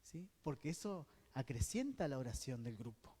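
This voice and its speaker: A man's voice: mid-range voice, very animated, normal speed, dark tone, husky. Argentine guy preaching to a group, asks stuff and answers it himself, long hall reverb. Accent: Argentine Spanish. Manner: keeps checking in with the group by asking "¿Sí?"; poses questions to the group and answers them himself. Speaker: diocesan coordinator teaching a course. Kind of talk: preacherly religious teaching talk.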